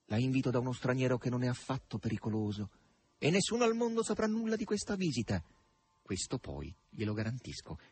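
Azazello, a man doing a husky mocking demon. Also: medium pitch, sing-song, a little fast, darkish tone. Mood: sly. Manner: curt, impatient, mocking. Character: gruff sardonic male demon henchman.

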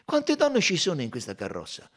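A fussy little Belgian detective with a high, husky voice, sly and insistent, who mutters his thoughts aloud as he leaps up and down in pitch, as a man reads him in an audiobook. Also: huge pitch swings, brisk, heavily acted. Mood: puzzled, commanding.

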